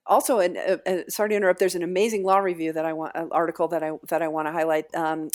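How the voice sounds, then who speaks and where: A woman, a company founder, talking energetically as a guest on an interview podcast and often restarting her sentences. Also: on the low side. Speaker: guest, founder and CEO of a financial firm.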